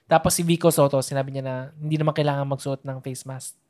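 A woman's voice: a bass voice, steady tone, fast, a little mellow. A woman in casual conversation, chatty and thinking aloud, mixing English into her sentences. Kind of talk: casual chat.

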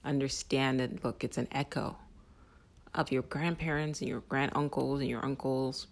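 A vlogger giving an intense spiritual monologue with casual swearing, often dropping into soft whispers. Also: medium pitch, steady tone, moderate pace, creaky. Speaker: self-help vlogger.

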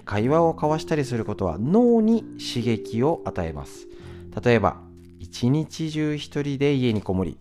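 A man hosting a solo podcast in a chatty, conversational way, often pausing with fillers and tag questions, and sometimes reading aloud from a book. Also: medium pitch, darkish tone. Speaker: podcast host. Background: guitar music.

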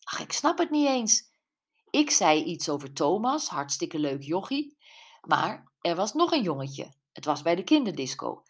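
Woman reader as brash gossiping canteen lady, husky and lowish, blunt delivery. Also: very animated, unhurried, exaggerated voice. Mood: gossipy. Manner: blunt, chatty.

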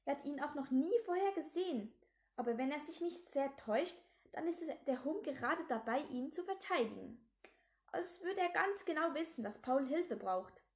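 Lady reading a kids book out loud, high voice, steady, few slips. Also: moderate pace. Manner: steady storytelling with small slips. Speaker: reader of a children's book. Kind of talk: reading aloud a children's book.

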